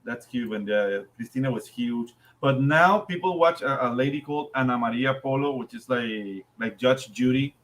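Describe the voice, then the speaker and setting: A man co-hosting a casual talk show, rambling and animated, repeating words as he tells stories. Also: mid-range voice, normal speed, few pauses, poor audio. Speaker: co-host. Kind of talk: casual chat.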